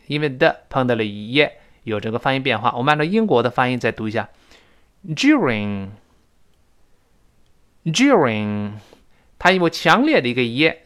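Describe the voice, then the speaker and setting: An English teacher, a man whose first language is Chinese, talks through a lesson in a lively, animated way with a mid-range voice. He fills his explanations with little fillers and slows right down to drill each word. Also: mid-range voice. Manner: explains at length with many fillers, repeats words slowly to model pronunciation.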